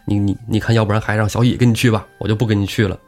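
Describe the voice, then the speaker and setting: A man's voice: on the low side, fairly even intonation, racing, a little mellow, soft background music, natural voice. A man voicing a timid, evasive household steward who stammers and whines excuses. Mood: pleading. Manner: whining, stammering.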